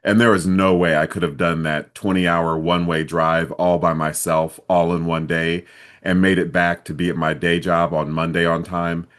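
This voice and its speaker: Low-voiced man telling a travel story. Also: moderate pace. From Ohio, US. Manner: steady, plain storytelling with some restarts. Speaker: vlogger.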